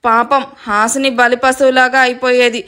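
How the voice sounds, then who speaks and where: A woman's voice: fairly high pitch, flat delivery, normal speed, fairly bright tone, clean tone, lightly acted. A woman voicing a brave young woman who speaks firmly and scornfully.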